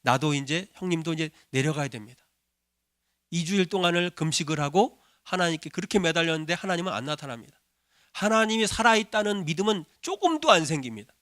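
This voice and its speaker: A man preaching, his voice pitched high and heard dry and close with little room sound. He tells a story in sermon form and acts out the quoted prayers, which climb to loud, pleading cries. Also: lively intonation, fairly quick, no room sound. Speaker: pastor.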